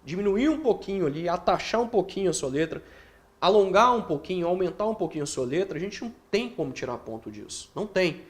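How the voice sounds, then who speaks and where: A man's voice: high-pitched, expressive. A man with a Brazilian accent teaching essay writing in an online course, checking in with tag questions and answering imagined student questions himself. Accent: Brazilian Portuguese. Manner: explains with quick rhetorical questions and tag questions; acts out student questions in his own voice.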